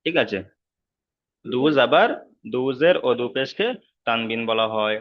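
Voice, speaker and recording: A man teaching Quran reading in an online class, patient, repeating each sound slowly over a video call. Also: medium pitch, animated. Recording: slightly dull online call audio.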